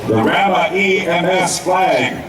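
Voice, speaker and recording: A male powwow emcee with a fairly high voice calls out names and thanks to honored guests. He is heard outdoors from a distance, echoing over a PA with a crowd around. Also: slow. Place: outdoors at a public gathering. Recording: echoey outdoor PA from far off, crowd.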